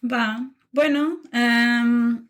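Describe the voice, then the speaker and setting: Chatting casually as a podcast guest, a young Nicaraguan woman talks about her life, relaxed and laughing easily, with lots of "am" and "em" fillers. Her voice is a little high and she speaks very slowly.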